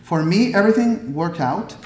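The guest speaker, a Puerto Rican Army pathologist in his thirties, reads his speech from notes into a podium microphone while the hall rings with echo. He sounds animated yet measured and earnest, using a filler now and then, and his somewhat high voice carries a darkish tone.

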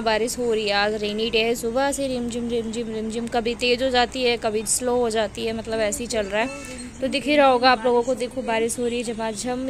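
Chatty vlogger woman over loud rain. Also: sits high. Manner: chatty, repeats words, talks to viewers as friends. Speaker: vlogger, mother. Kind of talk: casual home vlog narration. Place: home, indoors. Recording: phone vlog with loud rain noise.

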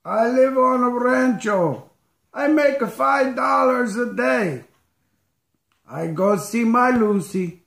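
Guy doing a goofy ranch cousin, gravelly and draggy broken english, comedy skit, echoey room. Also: very high voice, lively intonation, a bit bright, full character voice. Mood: boastful rhyming. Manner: slow, halting delivery in broken English. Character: comic Mexican cousin, rustic rhyming rancho bumpkin. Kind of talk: improvised comedy sketch character. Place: living room at home. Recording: roomy home webcam sound.

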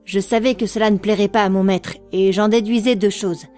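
A woman's voice: medium pitch, fairly even intonation, fairly quick, dark tone, soft background music. Woman narrating an audiobook.

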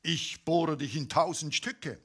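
A man's voice: on the high side, slow, fairly bright tone, slightly rough, heavily acted. A man voicing a condescending jackhammer in a spoken fable, smug and dismissive.

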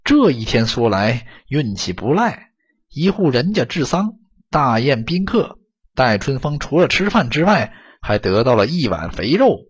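A man narrating an audiobook story in an expressive, dramatic storytelling manner, on a dull lo-fi recording. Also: medium pitch, unhurried, husky.

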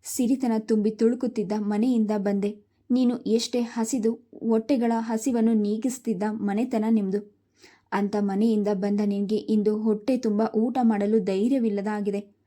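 A woman voicing a kind elderly woman who gently comforts a young mother in a told story. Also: mid-range voice, steady tone, moderate pace, natural voice. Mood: comforting.

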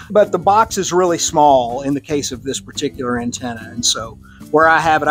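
A man with a Texan accent presents on radio antennas to a radio club in a club meeting room. His talk is casual and conversational but technical, with easy fillers and restarts. His voice is medium-pitched and a bit bright.

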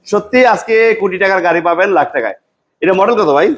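A male car vlogger with a Bangladeshi accent presents used cars in a promotional, salesy way. His pitch is high for a man and his pace is very quick, with prices and features echoed back to viewers. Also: a bit bright, slight background noise. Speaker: car vlog host. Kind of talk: promotional showroom vlog presenting.

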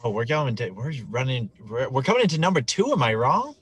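A man's voice: medium pitch, very animated, a little fast, fairly bright tone. A man co-hosting a podcast, joking, laughing and rambling in casual chat. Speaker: podcast co-host.

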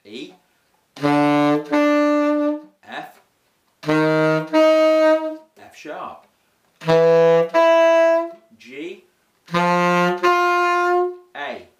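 Casual male sax tutor, mid-pitched voice, friendly walkthrough, recorded in an echoey room a bit off-mic. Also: moderate pace, music in the background. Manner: chatty, self-deprecating, explains step by step. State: has the hiccups. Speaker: saxophone teacher. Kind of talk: casual music lesson. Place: room with a board. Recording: roomy echo, heard from a distance.

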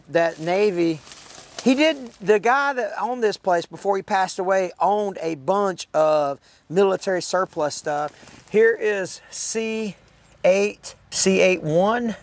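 A man with a slightly high voice chats excitedly outdoors among trees. His talk is folksy and easygoing. He laughs a lot as he goes. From Florida. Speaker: host. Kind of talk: casual outdoor video chat. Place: outdoors in woods.

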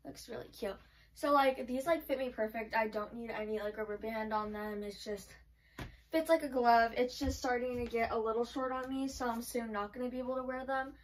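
Heard from away from the mic on a low-quality recording, a woman with a highish voice chats fairly quickly through a casual try-on haul. Her talk is filler-heavy, with "like" coming up again and again.

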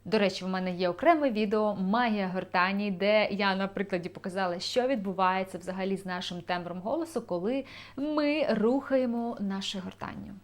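A woman's voice: mid-range voice, a little fast. Enthusiastic woman vocal coach explaining. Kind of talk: video lesson on singing technique.

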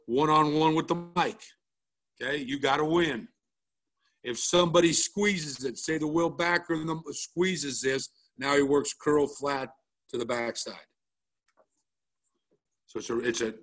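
A middle-aged football coach goes over game film at a coaching clinic, blunt and casual, often asking "all right?" His voice is mid-range with a fairly bright tone.

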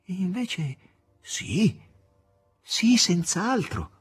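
A man reading an audiobook, voicing a tender, compassionate woman in a soft whisper. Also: high-pitched, big pitch swings, extremely slow, breathy edge, soft background music, voice pushed up, heavily acted. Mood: soothing. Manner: whispering softly.

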